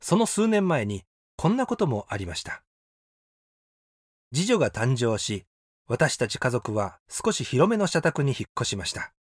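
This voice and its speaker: A man in his sixties calmly reading his own personal essay aloud in a measured, reflective way. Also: mid-range voice, no echo. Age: 60s. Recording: dry close voice with faint background music.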